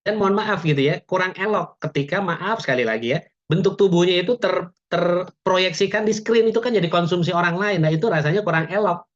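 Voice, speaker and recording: A high-pitched, brisk male voice teaches public speaking in an online webinar, captured through a video call in dull, lo-fi audio. His lecture is chatty, full of jokes on the side and frequent "ya" tags.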